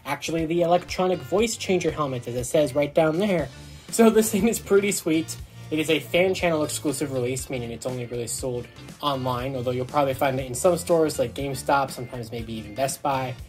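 A young adult man runs a toy review vlog, doing a casual, enthusiastic unboxing to camera in a small dorm bedroom. His medium-pitched voice has a darkish tone and fairly quick delivery, with faint music playing behind him.

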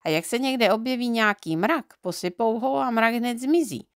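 A woman's voice: fairly high pitch, animated, dry recording, studio quality. A woman voicing a friendly, chatty male driver in a storybook reading, explaining things at length.

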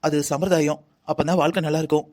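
A voice actor playing a calm, firm middle-aged mother in a cartoon drama, soothing but insistent. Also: low voice, quick pace.

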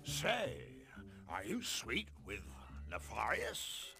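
A man's voice: mid-range voice, slow pace, gravelly, full character voice. An actor playing a nervy, well-meaning hero in a cartoon adventure game, wry and given to hammy tough-guy talk. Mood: mock tough. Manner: animated, wry, slipping into hammy gangster talk. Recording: music behind.

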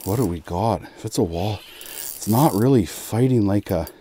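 A man in his thirties giving excited running commentary while ice fishing inside a small shelter. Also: fairly low pitch, normal speed, slight background noise. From Canada. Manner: excited running play-by-play, chuckling. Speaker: fishing vlogger. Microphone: camera clipped to his cap and a fixed camera.

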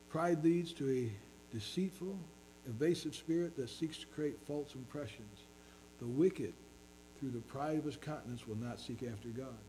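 A man's voice: medium pitch, mellow, a little hiss or hum, rough recording. A man preaching a sermon as pastor, earnestly reading scripture in King James wording.

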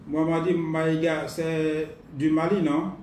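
A man leading a live online training class, greeting participants and speaking at an unhurried pace with pauses and fillers. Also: on the high side, level tone, darkish tone. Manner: unhurried, repeats himself, many pauses and fillers. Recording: roomy distant mic, faint noise.

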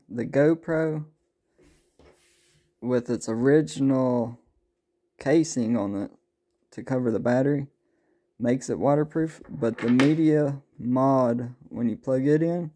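A man's voice: mid-range voice, unhurried, mellow. A man talking casually through a how-to vlog in a laid-back, folksy, plain-spoken way, using a mic mounted on a motorcycle helmet. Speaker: motovlogger. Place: indoors at a dining table. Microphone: helmet-mounted mic by the camera.

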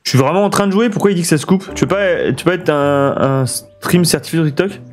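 A man's voice: fairly high pitch, quick pace. A man streaming a building game, thinking aloud and chatting with his viewers in a casual way. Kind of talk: casual let's play commentary.

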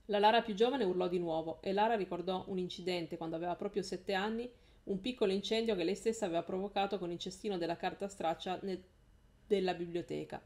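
A woman's voice: on the low side, fairly even intonation, fast talker, a little mellow. A woman hosting a live stream, reading a novel aloud in a casual way, often correcting herself and laughing.

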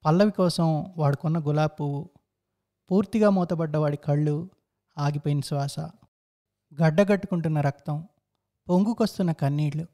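A man reading out a first-person story and lingering over his own thoughts as he goes. His voice is warm and mellow, with a soft, rounded edge. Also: on the high side, normal speed, pauses often. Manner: reflective, introspective. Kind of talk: story narration.

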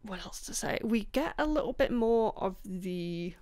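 A woman chatting casually about books she has read, rambling with many ums, apologizing and laughing softly, her voice a bit rough. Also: medium pitch, lively intonation, unhurried. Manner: apologetic, laughs between points. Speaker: book vlogger. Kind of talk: casual book review chat.

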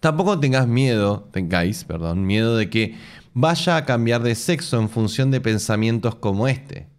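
With a clean, mid-range voice and lively intonation at a moderate pace, an Argentine man in his thirties reads a post aloud on his home stream. Sarcastic, laughing asides interrupt the reading, and bookshelves fill the room around him.

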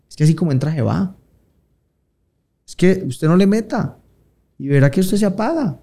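A singer in his thirties with a Colombian Paisa accent chats casually in an interview, slangy and relaxed, acting out the voices of people he quotes. His voice is on the high side.

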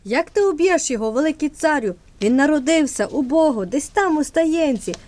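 Woman acting solemn high-voiced prophet. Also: animated, fairly quick, darkish tone. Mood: admonishing. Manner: solemn, admonishing. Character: solemn, fearless male court prophet in puppet play. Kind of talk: declamatory folk nativity puppet play.

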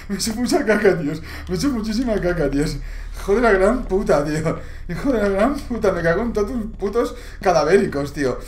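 A man's voice: sits high, lively intonation, brisk, slight background noise. A man commentating a horror game, panicky and swearing. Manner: panicky, swearing, shouting in fright. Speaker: gamer. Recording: echoey room.

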